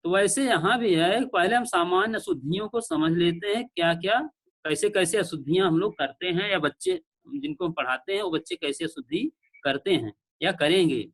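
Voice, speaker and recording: High-voiced male teacher explaining slowly. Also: lively intonation, fairly bright tone. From India. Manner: explains slowly with repeated examples; checks in with students. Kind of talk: online class lecture on pronunciation. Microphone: online call.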